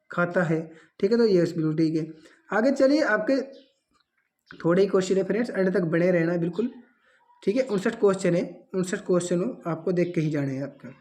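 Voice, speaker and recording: A woman teaching an exam-prep grammar class with a lively, rising and falling voice. She reads out each answer option, then corrects it in a quick, chatty way. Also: fairly low pitch.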